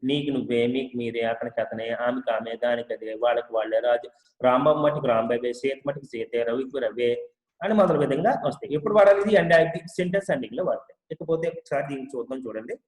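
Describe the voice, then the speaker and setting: A man teaching English grammar to Telugu speakers, explaining step by step, repeating each example and reading English sentences out slowly. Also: mid-range voice, a little mellow. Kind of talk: spoken English lesson. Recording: echoey room with long reverb.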